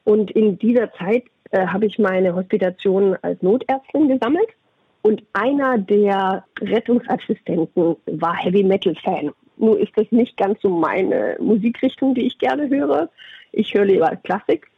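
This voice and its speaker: Husky middle aged lady chatting in an interview, really breathy-rough voice, dry tinny phone sound. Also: mid-range voice, lively intonation, unhurried, no echo. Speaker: interviewee, doctor and puppeteer. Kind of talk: conversational interview answers with anecdotes. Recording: thin phone-like radio sound.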